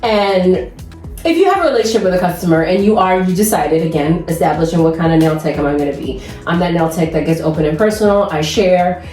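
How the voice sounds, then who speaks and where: An animated woman talks shop as a nail tech, telling stories and laughing at herself. Her voice rings a little in the room, with faint music underneath. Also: fairly low pitch, quick pace, roomy sound. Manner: animated storyteller, laughs often. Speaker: nail tech and podcast host. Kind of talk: casual chat.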